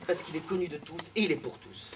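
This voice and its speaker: A young student man giving a comic speech in a low, mock-solemn confiding way. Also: quick pace. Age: young adult. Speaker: student debater. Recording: noisy room, mic far off.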